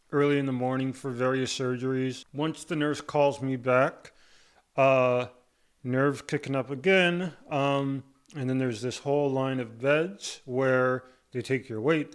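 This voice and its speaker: His voice is medium-pitched, clear, and resonant. Following surgery, he offers a casual on-camera update, forcing words out past a jaw bound by rubber bands while saliva pools in his mouth.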